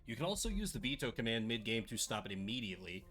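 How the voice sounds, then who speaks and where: On a casual live stream, a man talks fast in a mid-range voice that bounces with energy, though it's a bit rough and scratchy today. His humor is playful and sarcastic, and faint music plays in the background.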